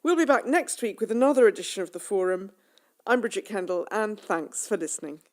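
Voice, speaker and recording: A woman hosting a radio discussion programme, brisk and polished. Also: medium pitch, lively intonation. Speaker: radio host. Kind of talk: radio presenting.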